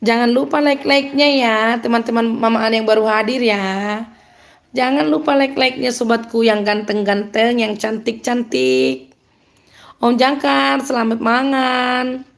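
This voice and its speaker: Woman, Medan accent, slightly high voice, upbeat live-stream host chatting with viewers and laughing often. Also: fairly even intonation, moderate pace. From Medan, North Sumatra. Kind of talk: live-stream chat reading out viewer comments.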